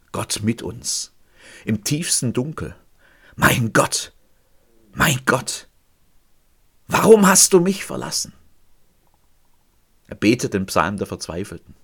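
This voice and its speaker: Dramatic low-voiced male preacher. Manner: dramatic swings between loud cries and hushed, near-whispered lines. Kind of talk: sermon.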